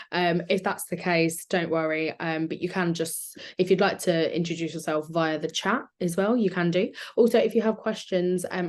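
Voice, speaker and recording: Woman, South London accent, slightly low pitch, chatty, informal webinar host. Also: darkish tone. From South London, England. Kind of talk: informal live presenting to an online group.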